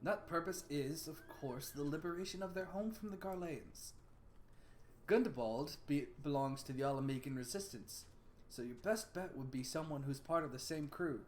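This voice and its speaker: A man voicing a measured, grave quest-giving advisor with stately, formal phrasing in a tabletop game. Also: on the high side, a little hiss or hum, lightly acted. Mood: advising.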